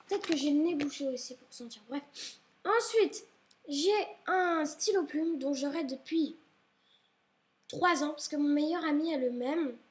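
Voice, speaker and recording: High-voiced chatty young woman. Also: unhurried. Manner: chatty and rambling, often apologizing. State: slightly ill, maybe stuffy nose. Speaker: vlogger. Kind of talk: casual chat showing school supplies. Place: at home, indoors.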